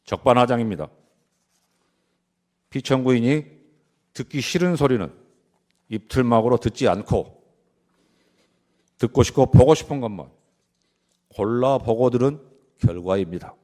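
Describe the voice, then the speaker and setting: A man gives a formal prepared closing argument as a lawyer, solemn and deliberate, stressing short phrases. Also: mid-range voice, darkish tone. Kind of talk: formal prepared courtroom speech.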